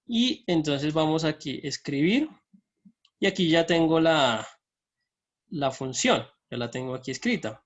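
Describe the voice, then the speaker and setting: A man teaching an online math lesson from his computer, explaining each step and checking in with his students. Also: a little high.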